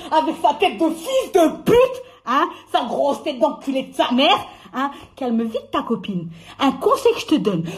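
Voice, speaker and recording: A young woman on a phone live stream, angrily swearing and ranting, swinging between shouts and low mutters. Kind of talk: heated live-stream rant. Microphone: phone during a live stream.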